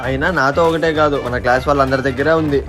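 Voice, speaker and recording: A woman voicing a teasing young male college classmate in a comedy sketch, talking casually and quickly. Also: rumbling low, fairly even intonation, soft background music, voice pushed down.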